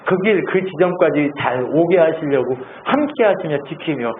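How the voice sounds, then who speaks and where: Male pastor preaching, chatty and animated, lots of questions, tinny phone-ish sound with faint hiss. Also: fairly high pitch, moderate pace. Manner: animated and conversational, full of rhetorical questions. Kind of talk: sermon.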